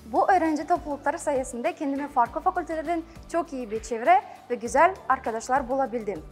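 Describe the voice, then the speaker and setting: A woman's voice: high-pitched, brisk, soft background music. A young woman student giving a prepared presentation as a non-native speaker of Turkish. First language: not Turkish. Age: young adult. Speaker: university student.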